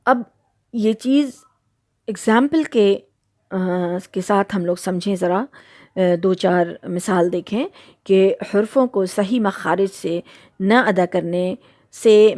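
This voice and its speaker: A woman teaching a lesson on Quran recitation, explaining patiently step by step many pauses. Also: mid-range voice, warm tone. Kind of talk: religious lesson.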